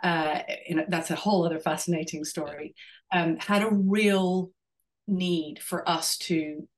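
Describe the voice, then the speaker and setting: A middle-aged woman from Venezuela speaks in a low voice. She is a guest in a podcast interview and answers thoughtfully, pausing, restarting and filling gaps as she goes. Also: fairly even intonation. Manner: reflective, many restarts and fillers. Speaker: podcast guest, executive coach. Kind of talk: conversational interview.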